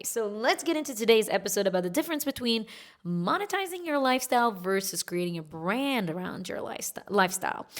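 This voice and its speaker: A woman hosting her own solo podcast, talking quickly and chattily to her listeners. She leans on words for emphasis, and her pitch sits in the middle range for a woman. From Egypt, raised in Kuwait. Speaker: podcast host.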